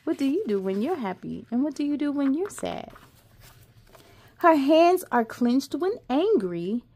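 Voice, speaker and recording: In her living room, a woman in her thirties hosts children's story time, reading aloud and making asides to young viewers. Her high, very animated voice takes on an expressive, sing-song tone with the kids, and she doesn't rush.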